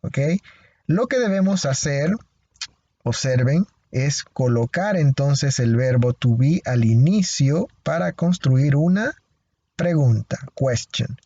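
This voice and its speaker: A man with a Panamanian Spanish accent teaching an English grammar lesson, speaking deliberately and repeating each example slowly and clearly. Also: medium pitch, expressive, mellow, highs cut off. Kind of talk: recorded lesson explanation.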